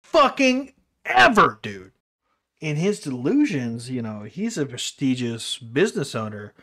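A man's voice: mid-range voice, fairly bright tone. A man telling a story about his roommate in an exasperated, incredulous rant full of swearing. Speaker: vlogger telling a personal story.

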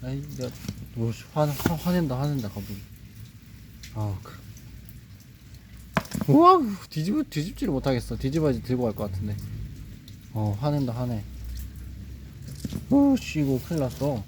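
A nature vlogger with a brisk, medium-pitched male voice nervously mutters to himself while coaxing an animal along. He's outdoors beside a reservoir on a rainy day, and the recording picks up clear background noise.

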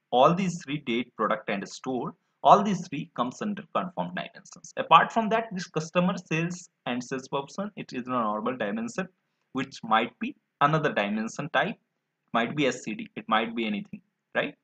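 An instructor gives a screen-recorded slide lecture, explaining things step by step with lots of fillers and restarts. His mid-range voice is a bit bright and very animated, at a moderate pace. The audio is dull and lo-fi.

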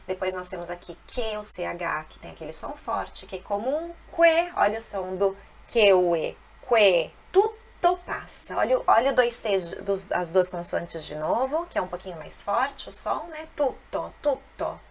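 A woman with a Brazilian Portuguese accent gives an Italian lesson, her voice carrying a gravelly edge of fry. She explains pronunciation patiently and drawls single words again and again so learners can imitate them. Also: medium pitch, lively intonation, a little hiss or hum. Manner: patient, repeats sounds slowly for imitation. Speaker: Italian teacher.

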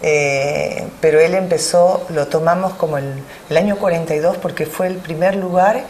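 A middle-aged Peruvian woman, a business owner appearing as a guest, answers interview questions in a TV studio with a city backdrop. Her fairly low voice moves at a moderate pace in Peruvian-accented Spanish, full of hesitations and fillers as her hands stay animated. A little hiss or hum sits under the audio.

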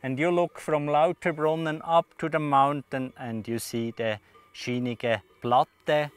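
An older man who keeps an alpine garden, explaining plants slowly and gently outdoors on a mountain meadow. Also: a little high, steady tone, clear, resonant tone. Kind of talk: casual chat.

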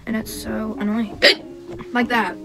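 A woman's voice: a little high, little pitch movement, takes it slowly, gravelly, poor audio. A young woman chatting casually in a home vlog, bubbly and giggly, hiccuping now and then. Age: young adult. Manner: chatty and bubbly, with frequent giggles and filler words. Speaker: vlogger. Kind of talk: casual chat. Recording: background music under the voice.

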